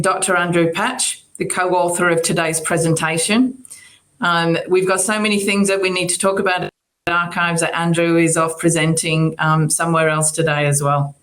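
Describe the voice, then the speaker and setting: A woman archive director giving a conference presentation remotely, speaking in a measured, formal way. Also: on the low side, a bit bright. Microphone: remote video call. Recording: echoey remote feed.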